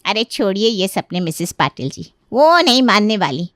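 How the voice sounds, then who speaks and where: A woman voicing an anxious middle-aged mother who nags and shouts at her daughter in a cartoon story. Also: medium pitch, very animated, moderate pace, dry recording, studio quality. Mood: weary. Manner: loud, shouting, nagging. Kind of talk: cartoon voice acting.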